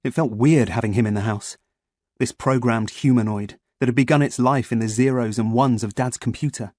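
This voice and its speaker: A man narrating a first-person audiobook in a measured, expressive storytelling manner. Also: mid-range voice, dry recording.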